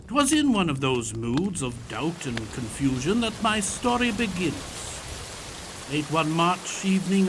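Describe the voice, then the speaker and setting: Genial elderly Victorian doctor played by a man, courtly storyteller for audio theatre, high-set and lively pitch. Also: noisy background. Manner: courtly, old-fashioned turns of phrase. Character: genial elderly Doctor Watson reminiscing, Victorian English gentleman.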